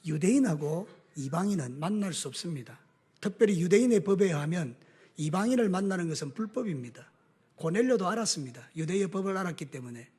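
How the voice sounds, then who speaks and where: A man with a Gyeongsang Korean accent preaching a sermon as a pastor, animated, mixing homely stories with call-and-response in a church. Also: high voice, quick pace, breathy edge.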